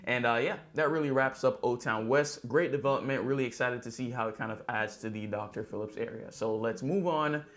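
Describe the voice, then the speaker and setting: As a vlog host, a mid-pitched man recaps local news while addressing his viewers directly. He is chatty and conversational, like an upbeat real estate agent, speaking briskly with few pauses and a slightly bright tone.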